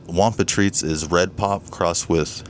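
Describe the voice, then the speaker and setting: Eager deep-voiced man showing his grow tents. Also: steady tone, takes it slowly, a little hiss or hum. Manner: enthusiastic, keeps saying "ladies and gentlemen". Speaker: home grower vlogger. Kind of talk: casual show-and-tell vlog. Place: indoors beside grow tents.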